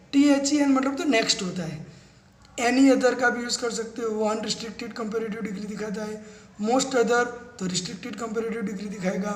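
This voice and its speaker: A man teaching English grammar step by step, spelling words out letter by letter and reading English definitions slowly. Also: very high voice, echoey room. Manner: mixes slow English definitions into quick explanations. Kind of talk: classroom-style grammar lesson.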